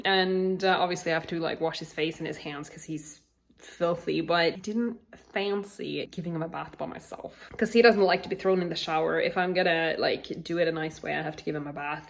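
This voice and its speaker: A young woman talks through her day in a relaxed vlog, with a voice that sits a little low for a woman. She sounds tired and slightly out of breath, yet stays chatty and candid, with small laughs between thoughts. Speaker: vlogger. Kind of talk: casual vlog chat.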